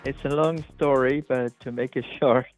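A middle-aged man from Chile, a native Spanish speaker with a Chilean accent, answering interview questions as an open water swim coach in a halting way, with many fillers and restarts. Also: medium pitch, steady tone, soft background music. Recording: dry phone-like line.

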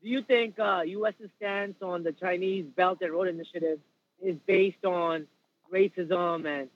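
A man from Queens rings in to a talk radio show, his voice sitting high for a man and coming through a muffled, dull phone line. he is polite and halting as he lays out his questions. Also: steady tone. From Queens, New York. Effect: over a phone line. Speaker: radio call-in caller.

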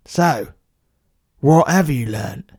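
A man's voice: mid-range voice, expressive, extremely slow, darkish tone, husky, no echo, exaggerated voice. A man doing a cheeky plumber, blunt and matey, tossing out slang with a grin in his voice. The sound is bone-dry and close to the mic, like a small studio booth. It is a comic audio story. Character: cheeky working-class male plumber, blunt.

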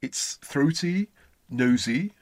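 A man's voice: on the high side, animated, slow pace, darkish tone, no room sound, studio quality. A man from Essex, an accent coach in a comedy sketch interview, talking in a pompous, self-important way. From Essex, England.

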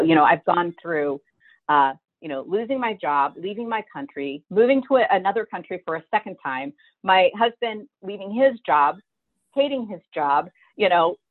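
A middle-aged woman telling her own story as a guest, vivid and emotional, acting out what she thought back then. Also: deep voice. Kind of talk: personal storytelling. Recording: tinny phone-like line.

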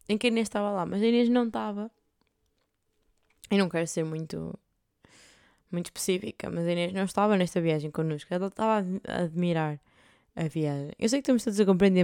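A woman's voice: fairly low pitch, dark tone, smooth, no echo, studio quality. A young adult woman with a European Portuguese accent, telling a rambling story on her podcast, with lots of fillers and casual swearing. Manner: chatty, rambling, heavy filler words and swearing. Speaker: podcast host.

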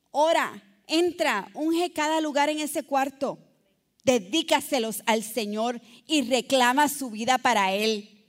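A high-pitched woman delivers a sermon. She exhorts her listeners, one moment calling out loud, the next dropping to a soft, low aside. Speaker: preacher.

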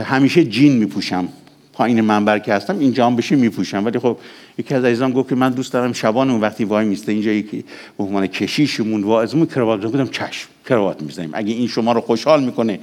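A middle-aged male pastor with a medium-pitched voice preaches a sermon, moving between raised exhortation and hushed, intimate passages.

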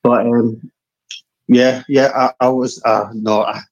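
A man's voice: mid-range voice, little pitch movement, slow pace, darkish tone, highs cut off. A man with a broad, thick Scottish accent, reminiscing casually as a guest calling in to a show. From Scotland. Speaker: call-in guest.

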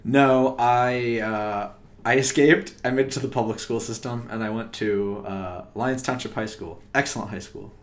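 A man's voice: medium pitch, fairly even intonation, moderate pace. A young man from Croatia, a student guest on a podcast, answering in casual chat with dry, self-deprecating humor and hesitant fillers. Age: young adult.

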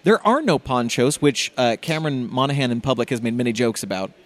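A man on a casual podcast panel who talks through his points carefully and analytically. His voice sits at a middle pitch, and he restarts his phrases as he thinks. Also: expressive, brisk. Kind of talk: casual review chat.

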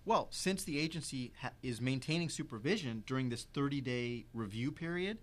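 A man explaining legal rules in an interview, measured and precise, stressing key words. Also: medium pitch, animated. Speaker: legal expert guest.

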